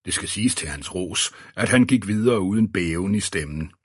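A man narrates an audiobook in a low, husky voice. His reading is steady and even. The recording is dry and close, with no room sound. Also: no room sound. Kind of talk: scripted narration.

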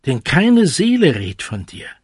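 A man's voice: fairly high pitch, wildly swooping pitch, normal speed, slightly rough, no echo, studio quality, pitched above the performer's own voice, full character voice. A man doing a blunt starling. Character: blunt honest male starling bird.

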